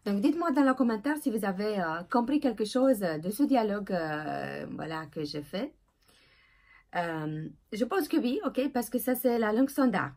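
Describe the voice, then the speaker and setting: Husky, lively woman teaching English. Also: mid-range voice, moderate pace. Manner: checks in with "ok?" after nearly every phrase; hesitant, with many filler sounds. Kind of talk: casual video lesson.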